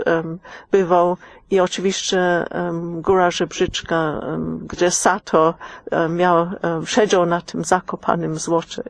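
A woman guest talking in an interview, hesitant, with many fillers and pauses. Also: fairly low pitch, no echo. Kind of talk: casual interview talk.

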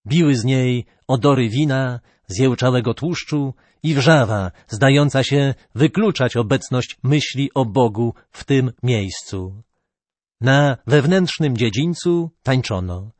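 A man narrating a legend as an audiobook in a measured, expressive storytelling way. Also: mid-range voice, no echo.

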